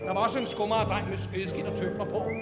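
A man reading a fairy tale aloud in a measured, dramatic storytelling way, from an archive recording. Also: high voice, little pitch movement, big-room sound, loud music behind the voice. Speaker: reader.

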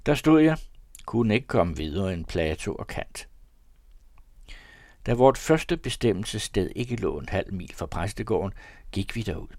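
A man narrating a classic novella as an audiobook, with a measured, expressive reading on a close studio mic. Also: low-pitched, no echo. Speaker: audiobook reader.

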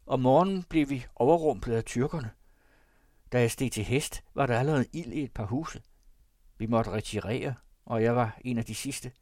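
A man's voice: medium pitch, darkish tone, dry recording, clean studio sound, pitched above the performer's own voice, lightly acted. A man reading aloud and voicing a brave young cavalry cornet who speaks urgently and earnestly. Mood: recounting. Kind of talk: audiobook character voice.

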